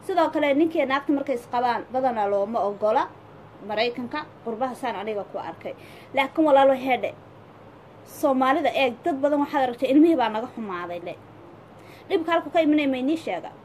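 A social media commentator with a Somali accent offers casual, opinionated advice, pleading emphatically and repeating phrases for stress. Her voice is high-pitched, animated and a little mellow, and she talks fast. Background noise is clearly audible in the recording.

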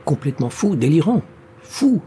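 A man voicing a stranded astronaut who swings between panic and forcing himself to reason calmly. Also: medium pitch, measured pace, a little hiss or hum, lightly acted. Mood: frantic. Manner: frantic, then forcing himself calm.

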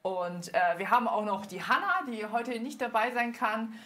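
On a TV studio set, a host and dance team leader in her thirties speaks through a lapel mic in a slightly high, sharp voice with lively intonation. She is earnest yet halting, relying on many fillers.

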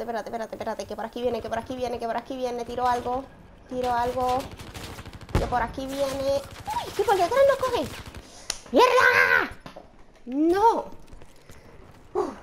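A young woman giving excitable gameplay commentary, shouting and shushing as she plays. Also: on the high side, noisy background. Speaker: gaming channel host.

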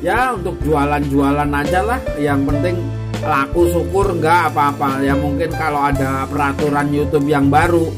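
A man's voice: on the high side, steady tone, normal speed, loud music behind the voice. A man vlogging casually with tips for beginner YouTubers, joking and repeating his phrases as he addresses viewers. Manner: jokey, repeats phrases, greets viewers as bro, guys, ma'am, sir. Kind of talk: casual chatty vlog.

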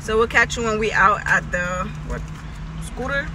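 A woman's voice: medium pitch, normal speed, background noise. A young woman hosting a casual vlog, talking in a loose, slangy way and laughing easily while eating. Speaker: vlog host. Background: music.

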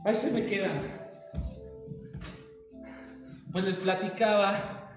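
A man's voice: sits high, steady tone, slow, over music. A man with a Mexican Spanish accent leading a live online workout class, counting reps with playful cries and encouragement. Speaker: fitness instructor. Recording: roomy, distant mic with long reverb.

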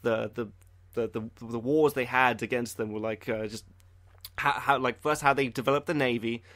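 A man's voice: medium pitch, steady tone, normal speed, a bit bright, no echo. A young man hosting a podcast, chatting casually in a rambling way, stammering and filling his sentences with "like" and "you know". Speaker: podcast host.

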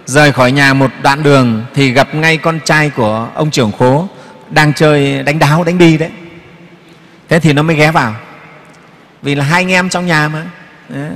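Give me a male Buddhist monk, preaching lively in a long-echo hall. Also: on the high side. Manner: lively storyteller, acts out quotes, frequent fillers like "Đấy" and "Nghe không?". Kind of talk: sermon with storytelling.

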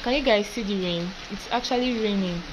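A woman's voice: mid-range voice, a little fast, noisy background. A young woman chatting casually to her phone camera in a student vlog. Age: young adult. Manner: chatty, relaxed, talks straight to camera. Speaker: student vlogger. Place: small apartment room and kitchen, indoors.

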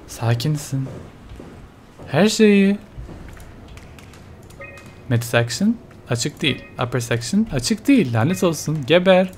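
A man's voice: on the high side, expressive, moderate pace, few pauses, soft background music. Jittery young-sounding man muttering through a horror game. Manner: jittery, mutters to himself while playing. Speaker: let's play gamer.

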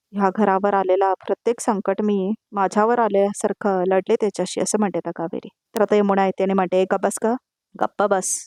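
Woman, serial recap voice-over, rapid delivery, dry close sound, retells dialogue line by line, talks to viewers. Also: mid-range voice, darkish tone, no room sound. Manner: retells scenes line by line, tagging each quote; addresses viewers directly with asides.

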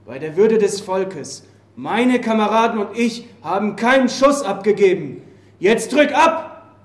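A frightened young soldier held captive, read by a man, stammering and pleading for his life. His voice sits high, and the live café recording leaves it echoing around the room. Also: lively intonation, measured pace. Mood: desperate. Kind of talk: staged play reading.

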